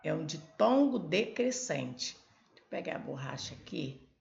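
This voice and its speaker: A woman's voice: low voice, very animated, normal speed, creaky, darkish tone, highs cut off. A woman teaching a Portuguese grammar lesson at a board, explaining step by step and pointing things out as she goes. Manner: explains step by step, many "olha" and "ó" prompts.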